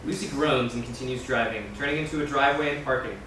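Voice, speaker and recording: A fast-talking man with a medium-pitched, slightly bright voice reads screenplay scene directions aloud as scripted narration for a table read. The sound is noisy and very echoey, with the mic set at a distance.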